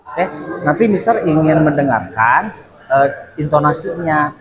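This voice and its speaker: A man's voice: fairly high pitch, lively intonation, measured pace. A man with a Sundanese accent teaching English in a classroom, coaching students and repeating words for them to drill. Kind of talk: classroom instruction. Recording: noisy classroom with chatter. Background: student chatter.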